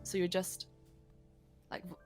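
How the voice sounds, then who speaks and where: On a livestream lesson, a singing instructor explains vocal technique, speaking casually with lots of "like" fillers and vivid imagery. Her voice is darkish in tone and unhurried, with soft music playing in the background.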